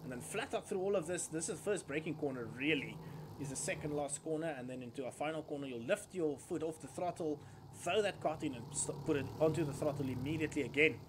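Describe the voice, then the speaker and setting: A male motorsport commentator calls a kart race live. His voice sits on the high side for a man and follows the on-track action moment by moment. Clear engine noise runs behind him. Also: fast.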